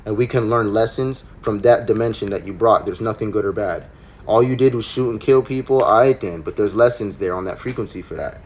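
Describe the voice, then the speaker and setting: A man's voice: fairly low pitch, a little fast, darkish tone, slight background noise. Blunt, slangy man preaching spirituality. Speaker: podcast host. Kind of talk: casual spiritual chat.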